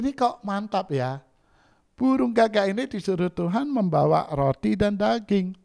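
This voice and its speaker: Male pastor, gravelly, animated storyteller, dry close mic. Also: dry recording. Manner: animated storytelling, acts out quoted voices with big pitch jumps. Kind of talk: sermon. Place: church.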